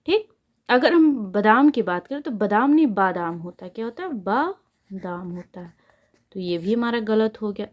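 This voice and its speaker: A woman's voice: mid-range voice, darkish tone. A woman teaching a spelling lesson online, repeating each answer and asking herself questions before she answers them. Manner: repeats answers, asks and answers her own questions. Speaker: Hindi exam tutor.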